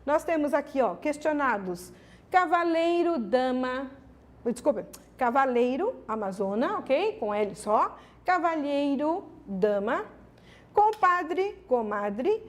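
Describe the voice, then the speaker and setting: High-voiced, lively Brazilian woman teacher. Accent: Brazilian Portuguese. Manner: asks herself the students' questions and answers them; lively, emphatic, many "ok?" and "né?" tags. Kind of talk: exam-prep grammar lesson.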